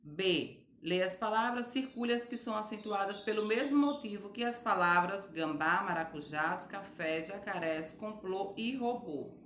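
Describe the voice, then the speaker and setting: A woman teacher giving a recorded grammar lesson to children, slowly and patiently spelling out each word. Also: mid-range voice, lively intonation, a bit bright, roomy sound, slight background noise. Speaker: primary school teacher.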